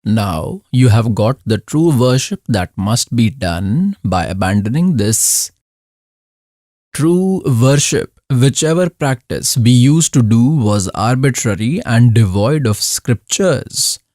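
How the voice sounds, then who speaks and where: A man delivering a scripted spiritual discourse in a slow, deliberate manner, pausing often between short phrases. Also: medium pitch, expressive, darkish tone, no room sound, clean studio sound. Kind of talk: religious discourse, scripted voice-over.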